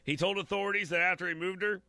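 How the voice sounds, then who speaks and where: A man's voice: high voice, steady tone, quick pace, bright, forceful tone, no echo. A man giving blunt, opinionated commentary while reading out a news story, talking straight to his audience and stumbling over repeated words.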